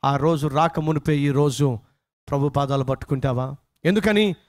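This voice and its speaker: A man's voice: a little high, moderate pace. A man preaching an impassioned sermon, pressing repeated rhetorical questions and storytelling.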